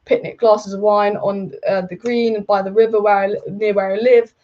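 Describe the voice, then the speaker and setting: A woman's voice: mid-range voice, little pitch movement, fairly quick, highs cut off. A young woman hosting a casual football livestream, tired and hungover on little sleep, rambling candidly in slangy talk. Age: young adult. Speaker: football YouTube host. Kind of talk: casual livestream chat about football news.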